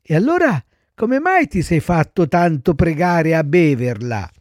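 A man voicing a patient, motherly fairy who speaks calmly and coaxingly. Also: on the high side, measured pace, dry recording, studio quality. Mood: gently scolding.

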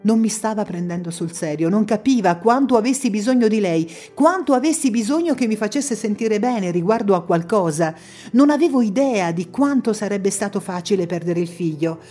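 A woman reads an audiobook in a measured, dramatic first-person narration. Her voice is mellow and warm at a middle pitch. Faint music sits beneath her reading. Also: expressive. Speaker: audiobook reader.

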